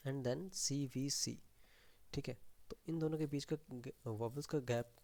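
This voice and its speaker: A man's voice: medium pitch, darkish tone. A man explaining a programming problem aloud, mixing Hindi and English with frequent fillers. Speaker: programming tutor. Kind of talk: screen-share coding explanation.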